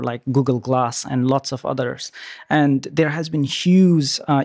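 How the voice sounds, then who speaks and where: A man's voice: medium pitch, darkish tone, dry recording, studio quality. A man from Nepal, a startup CEO, answering interview questions earnestly with hesitant fillers.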